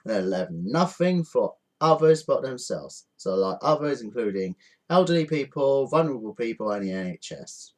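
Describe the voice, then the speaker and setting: A vlogger with a mid-range voice rants angrily to camera from indoors at home, very animated and at normal speed, with slight background noise. He swears often and repeats his points indignantly.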